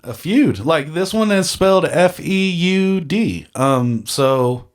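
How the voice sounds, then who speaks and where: Slow-talking man hosting a podcast. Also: a little high, expressive. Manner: rambling, hesitant, joking. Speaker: podcast host. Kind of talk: casual podcast chat.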